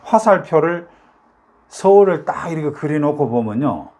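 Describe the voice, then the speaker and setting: A man's voice: on the high side, animated, moderate pace, a little mellow. Older Gyeongsang man rambling to viewers. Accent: Gyeongsang Korean. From South Korea, North Gyeongsang. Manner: rambling, many fillers, rising rhetorical questions. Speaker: YouTube talk host. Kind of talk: casual monologue to viewers.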